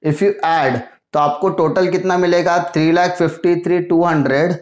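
A man's voice: on the high side, fairly even intonation, normal speed. Male teacher walking students through accounts, asks his own questions, echoey room. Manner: mixes Hindi with English terms. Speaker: commerce teacher. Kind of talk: accounting lesson.

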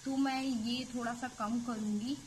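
A woman's voice: on the high side, steady tone, a little slow, darkish tone, slight background noise. A woman with an Uttar Pradesh Hindi accent, casually explaining each step of her cooking at a clay stove in a village kitchen. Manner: chatty step-by-step explaining to viewers. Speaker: vlogger. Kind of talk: casual cooking vlog narration.

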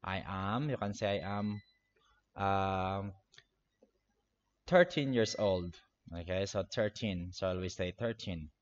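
A man in his twenties from the Philippines, an English teacher slowly walking an online class through a review, repeating each point. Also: deep voice. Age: 20s. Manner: slow, repetitive classroom explaining. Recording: dull lo-fi online class audio.

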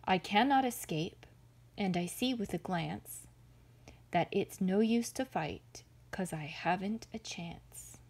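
A woman's voice: medium pitch, darkish tone, husky, exaggerated voice. A woman voicing a small nervous rabbit. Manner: nervous gulping. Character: small frightened male rabbit, clever.

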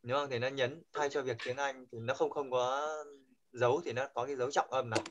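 A man with a Vietnamese accent teaching English pronunciation in a classroom, coaxing the students and modeling words loudly for them to repeat. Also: mid-range voice, fairly even intonation, fairly quick, lo-fi sound, heavy background noise.

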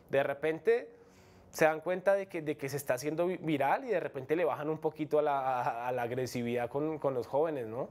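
Sitting in for a casual interview on a TV studio set, this young MMA fighter from Bogotá, Colombia, talks frankly, with lots of fillers and false starts. His voice runs on the high side, with a darkish tone and Bogotá Colombian Spanish accent.

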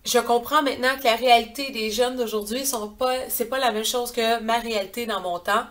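A woman in her thirties speaks with a Quebec French accent, in a somewhat high voice. She talks earnestly and a little hesitantly to a webcam up close, filling pauses as she goes. The sound is a home recording from a small hallway. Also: fairly even intonation, a bit bright. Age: 30s. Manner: earnest, hesitant with many fillers. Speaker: vlogger. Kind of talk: casual chat to camera. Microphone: webcam at close range.

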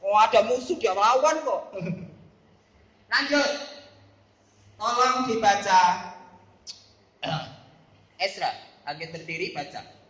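A man's voice: sits high, expressive, slow, pauses often, sharp tone, reverberant, poor audio. A man teaching a Bible lesson to children, playful, calling on pupils by name and quizzing them.

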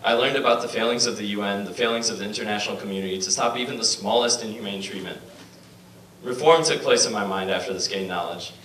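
A man's voice: on the low side, fairly bright tone. A young man born in Bosnia giving an earnest prepared speech at a podium with a handheld mic, with some restarts and fillers. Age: young adult. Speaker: student speaker. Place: lecture hall. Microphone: handheld mic, filmed from far. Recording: echoey hall, far from camera mic, faint hum.

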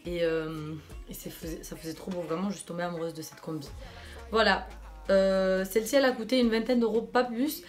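A woman's voice: mid-range voice, fairly even intonation, brisk, a little mellow, faint music behind. A young woman from France chatting casually through a clothing try-on haul, enthusiastic and full of fillers. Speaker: fashion vlogger.

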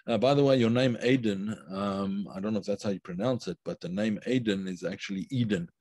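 Guy teaching an online class, lowish voice, lots of ums and restarts, dry close sound. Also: dry recording. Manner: unhurried, thinking aloud with many fillers and restarts; warm praise for viewers' comments. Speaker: Kabbalah teacher. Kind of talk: live-streamed class reading viewer comments.

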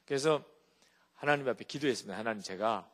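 A man's voice: mid-range voice, fast. A male pastor giving a sermon, telling stories with animation and often checking in with his listeners. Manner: animated storytelling with rhetorical check-ins to the congregation.

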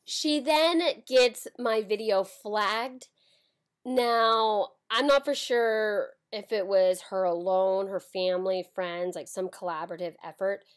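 An American storytime vlogger in her twenties speaks slowly in a medium-pitched voice. Sitting in a small room at home, she tells a personal story to camera in a dramatic, emphatic way.

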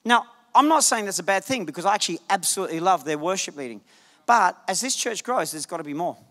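A male guest preacher giving a lively, jokey sermon to a congregation, punching points with sudden loud bursts. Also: sits high, fast. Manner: animated, jokey, shouts for emphasis. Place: church sanctuary. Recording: church hall reverb.

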